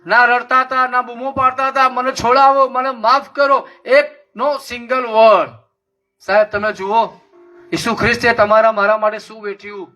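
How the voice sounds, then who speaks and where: A man's voice: extremely high pitch, little pitch movement, normal speed, sharp tone, faint music behind. A man preaching a sermon with a passionate, repetitive cadence.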